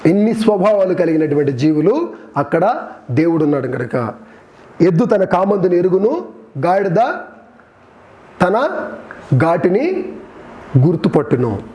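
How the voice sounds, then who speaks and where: A man preaching a sermon with a high-pitched voice. He tells his points as lively stories and keeps turning to the congregation with questions, waiting for their answers. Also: measured pace, long pauses.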